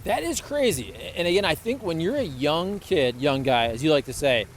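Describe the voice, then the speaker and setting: A man in his late thirties co-hosting a podcast in relaxed, chatty conversation. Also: fairly high pitch, moderate pace, a little hiss or hum. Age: 30s. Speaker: podcast co-host. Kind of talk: casual chat.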